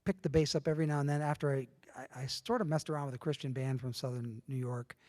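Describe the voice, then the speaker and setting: Talking quickly in a mid-range voice, a middle-aged man guests on an interview and spins stories in a relaxed way. He animates them by performing snippets of dialogue, with long reverb filling the room.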